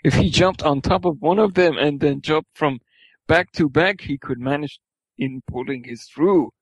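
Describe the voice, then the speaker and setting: A man's voice: fairly high pitch, moderate pace, no room sound, rough recording. A man reading fan fiction aloud for laughs, stumbling over words and swearing at the text. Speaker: reader.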